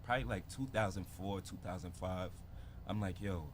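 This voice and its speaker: A man's voice: deep voice, normal speed, a little hiss or hum. A man from Barbados in his thirties, a rapper telling his story in a laid-back casual interview full of slang. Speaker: guest rapper.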